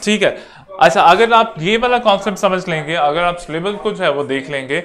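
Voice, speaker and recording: A man with a Pakistani accent teaching an online exam-prep English lecture, explaining slowly, repeating points and checking that students follow. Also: high voice, fairly bright tone.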